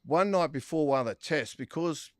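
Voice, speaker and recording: A man's voice: fairly high pitch, lively intonation, normal speed, no room sound, studio quality. A man with an Australian accent co-hosting a podcast, telling yarns with quoted voices and frequent laughs. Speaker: podcast co-host. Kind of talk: casual chat.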